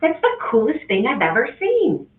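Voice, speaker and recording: A woman voicing a mother who exclaims in a high, shrill voice, heard on a tinny, echoey recording from a distance. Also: wildly swooping pitch, normal speed. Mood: delighted. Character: excited then disgusted young mother.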